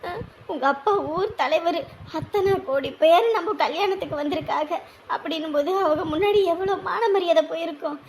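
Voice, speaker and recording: An actress playing a fretful middle-aged aunt who scolds and laments. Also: female voice, very high voice, a little fast, a little hiss or hum. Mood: reproachful. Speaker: aunt of the bride. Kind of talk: TV drama acting.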